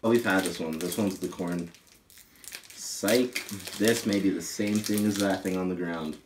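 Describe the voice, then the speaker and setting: A man's voice: low voice, fairly even intonation, a little slow. A young man hosting a casual vlog, chatting in laid-back slang and laughing often. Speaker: vlog host tasting candy. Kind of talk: casual chat. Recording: echoey room, distant mic, faint hiss.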